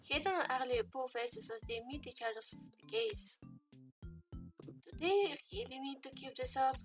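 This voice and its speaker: Soft-spoken woman with a tiring voice. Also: high voice, a little slow, soft background music. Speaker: streamer. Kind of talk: casual stream chat and narration.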